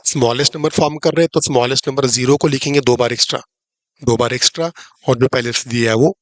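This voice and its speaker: A man's voice: medium pitch, quick pace, no room sound. A man teaching a live online maths class, explaining step by step, repeating key points and joking with the students. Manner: chatty, jokes with students about the live class.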